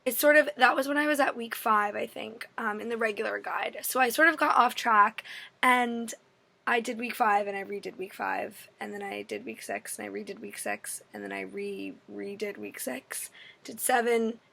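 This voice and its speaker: Hoarse young woman vlogging, creaky and bright. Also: on the high side, lively intonation, normal speed. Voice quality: hoarse, worn voice. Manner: apologetic, rambling, self-deprecating. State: voice strained and partly gone. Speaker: fitness vlogger. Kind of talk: casual Q&A vlog chat. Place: indoors in an apartment.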